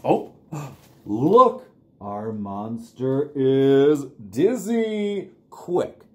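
Speaking very slowly at a medium pitch, this storytime host, a man in his forties, reads to young children in a small, bare room. He hams it up with lively sing-song repetition and dramatic gasps.

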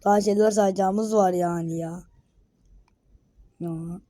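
A woman talks through a football management game at an unhurried pace. Her voice has a soft, mellow tone. She mumbles quietly and then bursts into loud, slangy exclamations. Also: mid-range voice, slight background noise. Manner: excitable, slangy outbursts between quiet mutters. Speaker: gaming video creator. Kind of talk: gameplay commentary.

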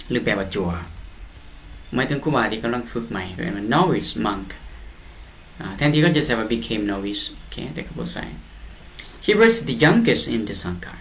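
A man with a Lao accent runs a lesson, translating an English storybook line by line. His voice sits at an ordinary middle pitch. He reads English phrases slowly, often repeating them, before explaining them patiently. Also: fairly bright tone. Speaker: teacher.

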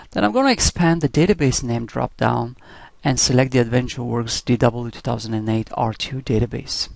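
A man with a gravelly, medium-pitched voice narrates a scripted screencast, giving step-by-step software instructions like a teacher. The recording has no echo.

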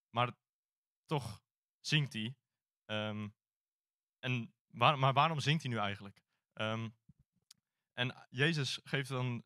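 A man's voice: medium pitch, pushed and bright, no room sound, clean studio sound. Hesitant man preaching a casual sermon. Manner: hesitant, searching for words with many pauses. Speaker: church elder giving a sermon. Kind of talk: informal sermon.

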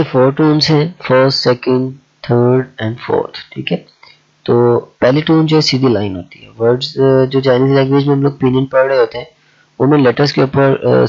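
A man who teaches a language lesson, talking slowly and repeating himself with many fillers. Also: mid-range voice, vocal fry, darkish tone. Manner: slow and repetitive, with many fillers. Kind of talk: explaining a lesson. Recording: dull lo-fi audio.

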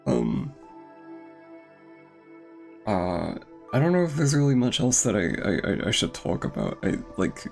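A man's voice: fairly low pitch, wildly swooping pitch, measured pace, creaky, pauses often, darkish tone. A young man streaming a game, chatting casually in a rambling way full of fillers and restarts, a little out of breath. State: slightly out of breath. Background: game music.

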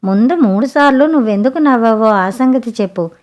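A woman's voice: a little high, expressive, fairly quick, darkish tone, close to an everyday voice. A woman voicing a blunt, impatient grown fisherman in a spoken storybook, who keeps demanding answers. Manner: demanding, questioning.

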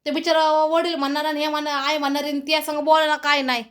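A woman's voice: high-pitched, level tone, quick pace, a bit bright. A woman vlogger scolding and complaining bitterly during a family quarrel, repeating herself.

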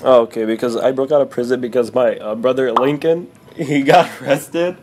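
A man's voice: mid-range voice, moderate pace, a little mellow. A man in his twenties making a casual prank phone call in an earnest, hesitant, oversharing way full of fillers. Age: 20s. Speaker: prank caller. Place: small bare-walled room indoors. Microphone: camera a few feet away. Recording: noisy room recording.

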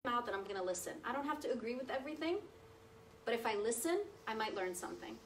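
Talking fast and animated in a slightly high voice, a woman in her thirties gives a chatty personal testimony to an audience as a guest speaker, checking in with them often. She's seated at a table in a meeting room with a projector screen. A far camera records her from across the room, so the sound is distant and roomy, with slight background noise.

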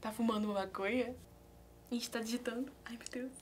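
Slight background noise accompanies this anxious YouTuber, a young Brazilian-accented woman pulling a prank on her mom. Her fairly high voice is steady and a bit fast as she chats and giggles nervously.

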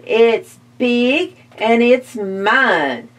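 A woman voicing a bossy witch in a read-aloud picture book, in a slow sing-song. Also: fairly high pitch, animated. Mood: singsong. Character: boastful old witch, bossy.

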